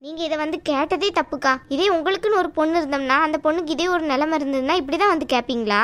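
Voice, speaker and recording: A fiery, protective young sister in a cartoon, firing off indignant questions, voiced by a woman. Her voice sits high and sharp throughout. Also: rapid-fire. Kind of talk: cartoon voice acting.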